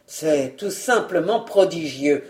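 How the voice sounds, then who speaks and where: A woman voicing a pompous, greedy male aristocrat in a storybook reading, with a deepened voice. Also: animated, slow pace, darkish tone. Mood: pleased. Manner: pompous, enthusiastic.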